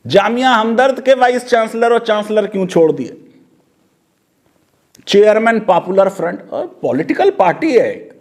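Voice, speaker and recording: Male legal commentator, high-pitched, sarcastic and full of rhetorical questions. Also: animated, normal speed, darkish tone.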